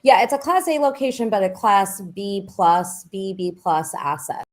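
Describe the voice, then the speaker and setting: A woman guest talking business quickly and confidently over a video call that keeps cutting in and out. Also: medium pitch. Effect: dropping, cutting in and out video-call connection. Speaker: guest, real estate fund founder. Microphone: computer on a video call.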